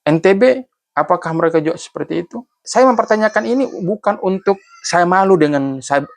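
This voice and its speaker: A man from Central Sulawesi in Indonesia, an author casually talking through his essay and thinking aloud, often pausing and restarting. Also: high voice, lively intonation, gravelly. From Banggai Laut, Central Sulawesi, Indonesia. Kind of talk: casual spoken commentary.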